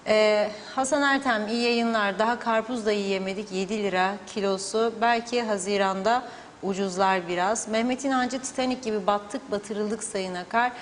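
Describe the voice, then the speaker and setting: A woman TV presenter reads viewer messages in a measured, steady voice. The studio adds a long reverb tail, and faint background noise sits beneath her. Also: medium pitch. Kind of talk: reading viewer messages on air.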